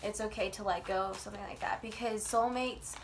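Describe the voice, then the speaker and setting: A woman's voice: mid-range voice, steady tone, brisk, a little hiss or hum. A woman reading tarot in an informal, chatty way, with blunt, colloquial phrasing and frequent swearing. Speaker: tarot reader.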